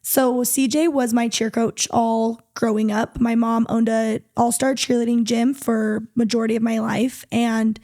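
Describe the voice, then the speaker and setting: A woman's voice: fairly high pitch, little pitch movement, measured pace, hardly any pauses, dark tone. A woman in her twenties, a podcast guest, chatting easily and casually. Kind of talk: casual chat.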